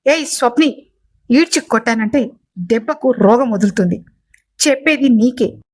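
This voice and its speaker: A woman's voice: on the high side, animated, moderate pace, darkish tone, breathy edge. A woman doing a protective young husband. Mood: angry. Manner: firm, soothing then stern. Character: protective, hot-tempered young husband and CEO.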